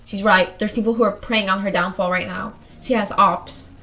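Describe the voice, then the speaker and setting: A young woman hosting a let's play of a dating game, chatty and excitable, often talking straight to the characters. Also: medium pitch, normal speed. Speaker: gaming channel host.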